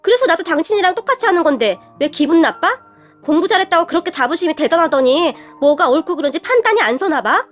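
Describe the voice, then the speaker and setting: A woman voicing a blunt, fearless young wife who talks in a sharp, mocking way. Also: very high-pitched, animated, fairly quick, faint music behind. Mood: scornful.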